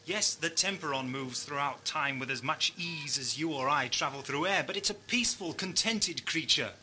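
A man's voice: on the high side, normal speed, bright, forceful tone, slight background noise. A man with a British accent playing an eccentric, defiant, compassionate time-travelling hero in a sci-fi audio drama, theatrical and thoughtful. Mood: indignant.

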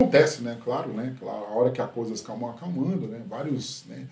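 Man, critical casual commentary, mellow dark voice, roomy echo. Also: mid-range voice, quick pace, creaky, soft background music. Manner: critical, tags sentences with a questioning "right?". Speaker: host, tech commentator. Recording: roomy echo from a distant mic.

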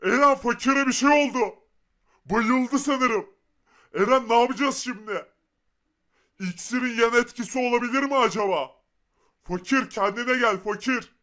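A man plays a bossy but caring rich young guy in a blocky game cartoon. He speaks in a very high voice and keeps urging his friend by name. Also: a little slow, pauses often, pushed and bright, exaggerated voice. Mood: worried. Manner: urgent, repeats the friend's name. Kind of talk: Minecraft animation voice acting.

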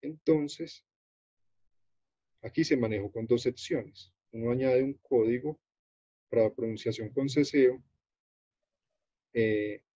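A man with a Colombian accent leads an online workshop, explaining a web page as he shows it on screen. He talks in a halting, unhurried way, full of fillers and restarts. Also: mid-range voice, warm tone, husky, no room sound. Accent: Colombian Spanish. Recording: dull, dry video-call audio.

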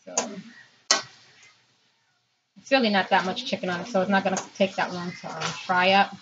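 Speaking at a moderate pace in a level, lowish voice, this thirty-something woman chats casually through her home cooking vlog, explaining each step as she works with her hands. The recording comes from a camera or phone mic within arm's reach in her indoor home kitchen, and it sounds dull and lo-fi, full of loud noise and clicks.

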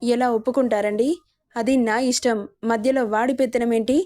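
A woman's voice: a little high, fairly even intonation, normal speed, warm tone, dry recording, studio quality, natural voice. A woman voicing a distraught young boutique owner who cries out in anger through tears, in a dramatized story reading. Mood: tearful outrage. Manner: crying out angrily while sobbing.

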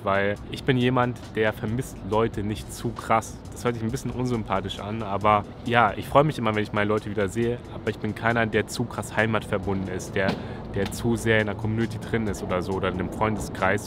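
A young man from Germany talking casually to a handheld camera outdoors in a relaxed, chatty way. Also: on the low side, brisk, over music. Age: young adult. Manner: relaxed, chatty, thinking aloud. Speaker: YouTuber. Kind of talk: casual vlog talk to camera. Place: outdoors by a city riverside railing. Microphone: selfie camera at arm's length.

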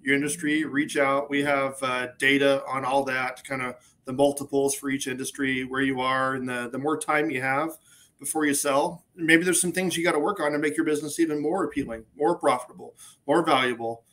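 A man's voice: medium pitch, steady tone, fairly quick, fairly bright tone. A man in his forties, a business consultant, speaking as a guest on a video call in an upbeat, matter-of-fact way. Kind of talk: casual interview chat. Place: indoor office. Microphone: video call webcam.

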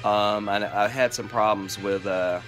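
A man's voice: lowish voice, fairly even intonation, measured pace, a bit bright. Folksy middle-aged American man, casual vlogger. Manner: folksy, laid-back, with playful catchphrases. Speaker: pipe maker and video host. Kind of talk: casual vlog chat. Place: covered porch outdoors. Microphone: camera or phone at arm's length. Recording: faint radio music behind voice. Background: local radio playing music.

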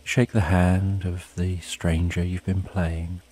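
A man narrating a bedtime sleep story in a calm, soothing, unhurried way with long pauses, as a sleep story narrator. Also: low-pitched, breathy edge, soft background music. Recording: soft rain behind the voice. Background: rain.

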